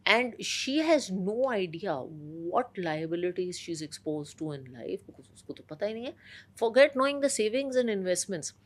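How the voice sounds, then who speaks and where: A woman's voice: mid-range voice, lively intonation, moderate pace. A woman with a polished, educated Indian accent, speaking articulately in a conversational interview. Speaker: interview guest.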